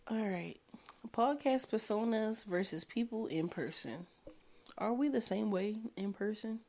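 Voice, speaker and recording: A woman's voice: mid-range voice, expressive, unhurried, darkish tone. A woman co-hosting a podcast, making brief, laid-back remarks in casual chat. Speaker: podcast co-host.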